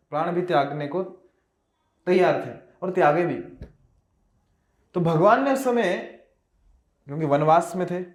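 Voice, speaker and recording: Expressive male devotional storyteller, echoey room. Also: fairly high pitch. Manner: expressive storytelling with rhetorical questions. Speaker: devotional speaker. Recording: roomy echo.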